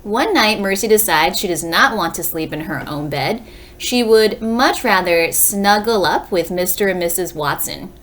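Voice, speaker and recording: An elementary school teacher gives a read-aloud lesson for young children, explaining and reading while speaking to them directly with simple questions. Her voice is mid-range and fairly bright, at a moderate pace.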